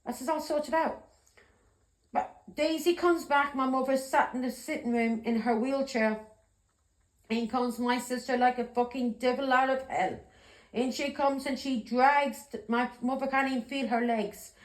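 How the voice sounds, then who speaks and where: A woman's voice: sits high, fairly even intonation, normal speed, roomy sound, low-quality recording. A middle-aged woman giving a tarot reading, talking bluntly and heatedly, swearing and often asking "yeah?". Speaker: tarot reader. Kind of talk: emotional tarot reading monologue.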